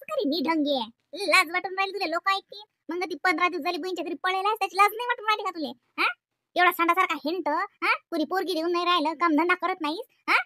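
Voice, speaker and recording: A woman's voice: very high voice, fast talker, sharp tone, no room sound, studio quality. A woman voicing a scolding middle-aged village mother in a cartoon comedy, speaking with a Vidarbha Marathi accent and nagging with repeated "हा?" tags.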